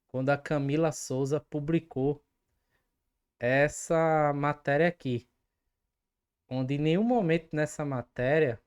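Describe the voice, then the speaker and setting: Low-voiced indignant woman. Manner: indignant, emphatic, addresses viewers directly. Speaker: fan channel host. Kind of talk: opinionated commentary vlog.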